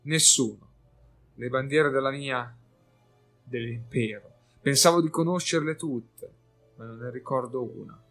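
A man's voice: medium pitch, a little slow, fairly bright tone. A man voicing a weary male warrior, speaking earnestly with his voice lifted a little, with faint music behind. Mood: troubled.

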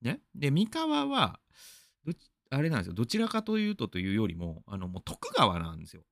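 A man's voice: medium pitch, huge pitch swings, fairly quick, gravelly, no echo, studio quality. A man from Aichi in Japan hosting a radio show, rambling through a casual monologue full of fillers and asides.

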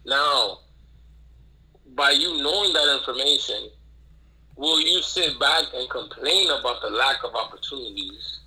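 A streetwear entrepreneur speaks casually as a podcast guest, earnest and emphatic, often repeating phrases and asking rhetorical questions. His mid-range voice is expressive, unhurried, pushed, and bright, though the audio is poor.

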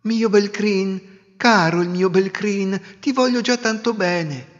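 A man voicing a gentle young bride who speaks in a cooing, affectionate way. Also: mid-range voice, slow, big-room sound, lo-fi sound, voice pushed up, lightly acted. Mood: tender.

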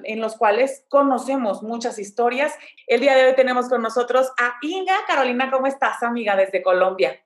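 A woman, hosting a podcast and asking questions in a friendly, inquisitive way. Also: a little high. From Mexico. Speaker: podcast host. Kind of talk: interview hosting. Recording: roomy echo.

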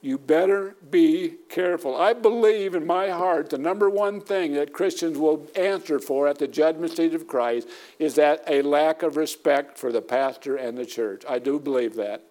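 A middle-aged man preaches to his congregation, pressing his points by saying them again and again. His voice sits a little higher than most men's. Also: moderate pace, darkish tone. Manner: emphatic preaching with repetition. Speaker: pastor. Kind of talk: sermon.

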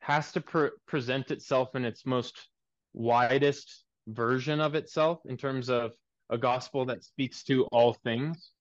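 A man's voice: medium pitch, fairly even intonation, a little slow, no echo. A man in his twenties, a pastor guest on a podcast, speaking in an earnest, preacherly way over a remote call. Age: 20s. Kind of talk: podcast interview. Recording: dull, dry lo-fi sound.

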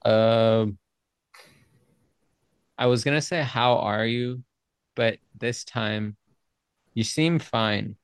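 A man's voice: mid-range voice, very slow, pauses often, clear, resonant tone, no echo. A man hosting a podcast in casual chat, playful and rambling, often restarting his sentences. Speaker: podcast host.

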